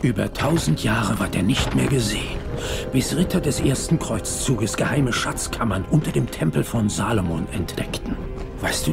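An older man with a lowish, gravelly voice plays an elderly grandfather in dubbed film dialogue. He recounts legends of treasure solemnly, pausing in hushed, dramatic ways.

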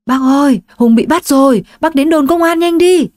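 A woman's voice: high-pitched, darkish tone, voice pushed up, lightly acted. Woman doing an urgent young male caller. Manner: hurried, urgent.

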